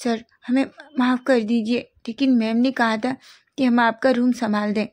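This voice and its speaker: A woman's voice: fairly high pitch, flat delivery, normal speed, a little mellow, natural voice. Brief: scared male servants begging their master, read by a woman. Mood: pleading. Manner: fearful, pleading. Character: two frightened male servants.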